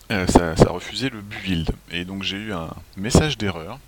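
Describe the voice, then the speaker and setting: A man presenting a software tutorial as a screencast walkthrough, relaxed, often clearing his throat and restarting phrases. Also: low-pitched. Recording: faint hiss.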